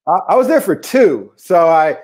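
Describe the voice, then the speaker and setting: A man's voice: fairly high pitch, sing-song, moderate pace, a little mellow. A man from the Seattle area, a basketball coach, chatting casually and telling stories over a video call. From Seattle area, USA. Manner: laid-back, laughs easily, says man a lot. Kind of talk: casual chat, storytelling. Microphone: remote video call.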